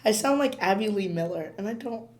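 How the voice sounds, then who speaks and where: A woman co-hosts a podcast in a hoarse, squeaky voice. She chats loosely and giggles, stumbling through fillers and restarts as she talks. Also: lively intonation, a little fast, a little mellow. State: hoarse, squeaky from dust allergy. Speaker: podcast co-host. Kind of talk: casual chat.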